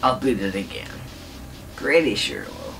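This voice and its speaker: Drunk and rambling, this young gaming video host swears heavily through casual commentary, his lowish voice swinging hugely in pitch at normal speed with a slightly bright tone. Faint music plays behind him as he sits at a desk in a small room, captured by a distant mic with clear background noise.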